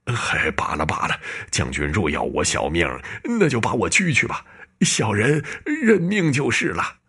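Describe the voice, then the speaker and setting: A man's voice: wildly swooping pitch, slow, sharp tone, husky, heavily acted. A man voicing a frail old male painter, quavering and shaking with fear. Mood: terrified, shaky. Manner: quavering, high and shaky.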